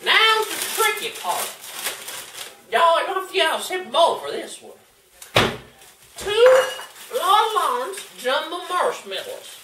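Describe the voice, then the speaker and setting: A very high, squeaky cooking-show host played by a young man who slides all over his register and takes his time over every word. He hams it up with a folksy drawl, calling out to the folks at home. The sound is a roomy home kitchen picked up by a camera across the room, with a bit of clatter behind. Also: huge pitch swings, a little slow, long pauses, exaggerated voice. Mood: hammy. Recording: echoey kitchen, far camera mic, faint noise.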